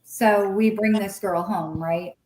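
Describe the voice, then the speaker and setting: A middle-aged woman telling her own story in a blunt, candid way, swearing freely. She acts out old conversations in lively quoted voices. Her pitch sits in the middle for a woman, and the room adds a clear echo. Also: slow, a little hiss or hum. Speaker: guest sharing her story. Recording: roomy echo.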